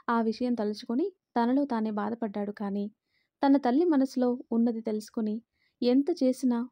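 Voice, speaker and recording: A woman storyteller reading a family drama in a steady, expressive way. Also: fairly high pitch, dry recording, dull audio. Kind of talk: scripted narration of a family drama.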